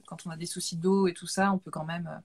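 A woman's voice: lowish voice, fairly even intonation, fast talker, darkish tone, slightly rough. A woman hosting a video call webinar, summarizing her guest's points and talking about books. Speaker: webinar host. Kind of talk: casual webinar chat.

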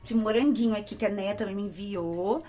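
A woman's voice: mid-range voice, a little fast, mellow. A Brazilian woman casually reviewing makeup in a chatty, affectionate way, talking straight to her viewers. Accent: Brazilian Portuguese. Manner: chatty, affectionate, addresses viewers as "amores" and "gente". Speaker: beauty vlogger.

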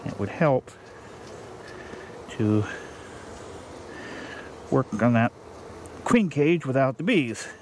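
A man, a beekeeper, explaining his steps in a casual, unhurried way while he works outdoors. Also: medium pitch, expressive, a little hiss or hum. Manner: plain, unhurried, thinking aloud while working. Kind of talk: casual how-to narration. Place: outdoors beside a beehive. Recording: faint outdoor ambience with buzzing bees.

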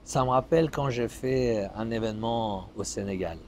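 Man, 40s, from Iran, fitness coach, mellow low voice, faint background noise. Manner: calm, measured, motivational. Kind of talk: vlog monologue answering viewer questions. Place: seated on an outdoor terrace, then driving a car.

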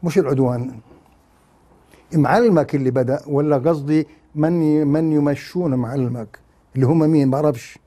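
An older man giving satirical political commentary on television, mocking and animated. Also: fairly high pitch, normal speed. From Jordan. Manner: mocking, animated, mimics others in sing-song asides. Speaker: TV commentator, former university lecturer.

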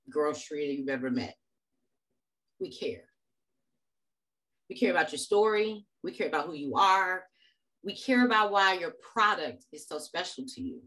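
A middle-aged woman speaks over a webcam on a video call. Her voice sits fairly low and her delivery is earnest and emphatic, with a conversational presentation manner. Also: fairly bright tone, low-quality recording. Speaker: supplier diversity manager.

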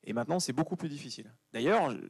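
A man giving a lively conference talk, chatty and joking with the audience. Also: fairly high pitch, racing, vocal fry, husky, no echo. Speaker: conference speaker. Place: conference venue.

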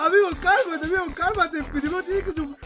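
A woman hosting a gaming prank video, teasing and laughing while she soothes her panicking friend with mock calm. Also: extremely high pitch, brisk, raised voice, over loud music. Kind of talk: gameplay prank commentary.

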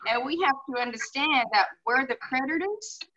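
Over a video call from an indoor room at home, a middle-aged horse behaviorist from Finland talks earnestly in a Finnish accent, her voice sitting high and sharp with lively intonation at a moderate pace. She uses examples and many "you know"s, and the audio is muffled with faint hiss.

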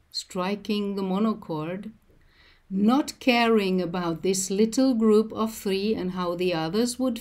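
A woman speaking as a spiritual medium, unhurried and reflective as she tells her own stories. She talks at a slow, even pace at a middle pitch, with small hesitations and fillers along the way. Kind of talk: reflective personal storytelling.

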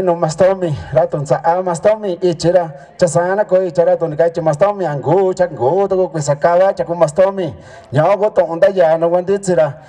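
High-voiced, mellow fiesta announcer man. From Mexico. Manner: short clipped phrases, naming sponsors and guests. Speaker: event announcer. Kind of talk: public announcement at a village fiesta dance. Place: dance held in a church.

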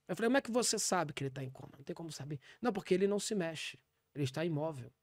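A comedian puts on a Brazilian Portuguese accent to play a brash, shameless male pastor calling himself an apostle, rambling deadpan with churchy asides at a fast clip. His voice is on the high side. This podcast monologue is recorded close on the mic in a dry, dead room with no echo.

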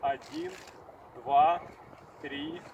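Man heard over an underwater radio link, counting in clipped radio-check phrases, pitch jumping around, distant and noisy. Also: wildly swooping pitch, very slow, creaky, darkish tone, lo-fi sound. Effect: heard through an underwater radio set. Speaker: operator of the second station.

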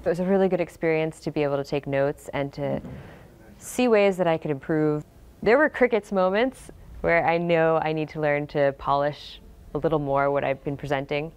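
A woman's voice: sits low, moderate pace, a little mellow, clear, resonant tone. A woman in her thirties, a comedy student, chatting in an interview outdoors in a casual, slightly nervous, self-deprecating way. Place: outdoors on a bench beside a sidewalk.

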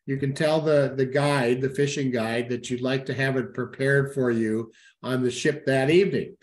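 A middle-aged man talks through a slide presentation over a webcam. He has a mid-range voice and a relaxed, halting delivery full of fillers and self-corrections. The audio has a roomy, reverberant quality. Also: medium pitch. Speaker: cruise line sales representative. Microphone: webcam at a desk, video call.

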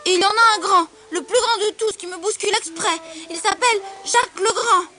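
A woman voicing a timid little schoolgirl who sounds shrill and tearful. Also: fairly quick, sharp tone. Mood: upset. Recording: hissy old storybook recording.

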